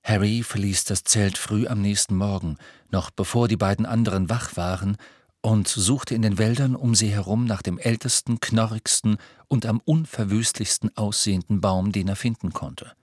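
A man narrating an audiobook with steady, measured storytelling. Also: on the low side, dry recording, clean studio sound. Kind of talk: scripted narration.

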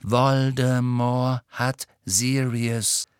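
A man's voice: medium pitch, level tone, takes it slowly, a little mellow, dry recording, close to an everyday voice. A teenage boy, read by an adult man, calls out in urgent, desperate bursts. His voice carries a raised, strained edge. The sound is close and dry.

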